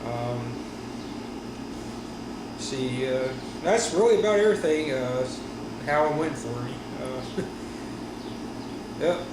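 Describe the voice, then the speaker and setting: A man talking casually in a personal vlog after wisdom teeth surgery, with a sore stiff jaw, halting and often correcting himself. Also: medium pitch. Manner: halting, rambling, frequent self-corrections. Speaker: vlogger. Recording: roomy echo with steady room noise.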